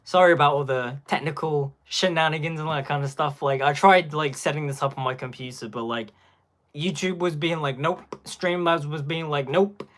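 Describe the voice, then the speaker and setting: A man's voice: fairly high pitch, a little fast, a bit bright. A young man giving casual live-stream commentary on a phone, rambling and packing his talk with filler words.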